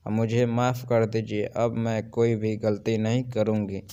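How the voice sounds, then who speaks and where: A man's voice: on the low side, flat delivery, unhurried, mellow, clean tone, dull audio. A man voicing a stubborn young daughter-in-law in a spoken moral story, with a defiant edge. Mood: apologetic.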